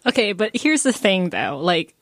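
A woman's voice: mid-range voice, very animated, moderate pace, dry recording, clean studio sound. A woman from Atlanta, co-hosting a book podcast in casual chat, chatty and full of "like," laughing often. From Atlanta, Georgia, US. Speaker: podcast co-host.

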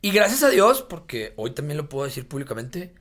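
A man with a Mexican accent, a guest in a casual podcast chat, telling stories in a lively, slangy way and often repeating himself. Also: fairly high pitch, a little fast.

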